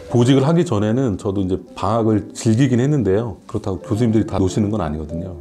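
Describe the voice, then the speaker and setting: A man in his late forties with a fairly low, very mellow voice talks as a professor guest on a radio Q&A. He is candid and self-deprecating, speaking conversationally over background music. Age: late 40s. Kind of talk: casual radio Q&A chat.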